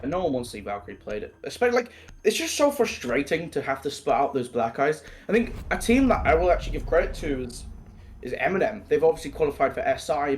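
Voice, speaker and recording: A man's voice: medium pitch, darkish tone. A man casting a live esports match, chatty and prone to tangents. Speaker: esports caster.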